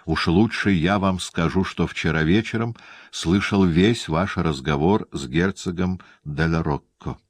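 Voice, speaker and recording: A man's voice: deep voice, measured pace, no room sound. A man reading a composed, dry-spoken nobleman.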